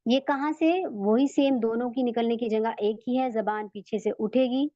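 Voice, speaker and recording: A woman with a slightly high voice leads a recitation lesson. She explains how each sound is made and says it over and over, patiently and slowly. The recording is dull and dry. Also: mellow, dry recording. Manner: patient, repeats sounds slowly for learners to follow. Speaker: Quran recitation teacher. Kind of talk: tajweed lesson.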